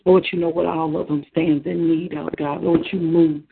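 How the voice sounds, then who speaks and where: A woman's voice: low-pitched, level tone, moderate pace, creaky. A woman leading a fervent spontaneous prayer in a rhythmic chant, punctuating every phrase with "Lord God". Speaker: prayer leader on a prayer line. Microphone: phone. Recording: tinny phone line.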